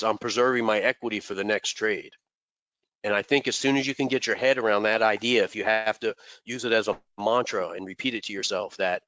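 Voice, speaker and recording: This trading mentor runs a loose live session, sounding congested and rambling while repeating words often. His mid-range voice is a bit bright, captured on a desk microphone with no echo.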